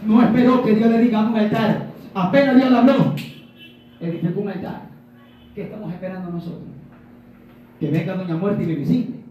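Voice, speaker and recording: A man's voice: high voice, steady tone, fairly quick, pauses often, highs cut off. A man from Ecuador preaching a Pentecostal sermon, asking his congregation questions and acting out little dialogues. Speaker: evangelist preacher. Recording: very echoey room, voice from a distance, faint noise.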